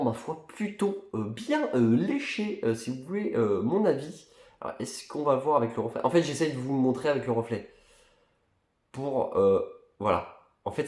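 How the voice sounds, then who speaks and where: A young man vlogging casually about his new purchases, talking in a relaxed way with many fillers and restarts. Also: medium pitch, echoey room. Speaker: collector vlogger. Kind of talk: casual chat.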